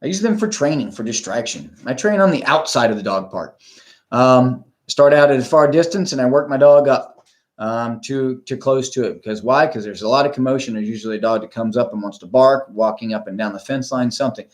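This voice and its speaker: A man's voice: mid-range voice, brisk. A middle-aged man talking about dog training in a casual, rambling way, blunt and plain-spoken, with many restarts and fillers. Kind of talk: casual talk, like a live stream.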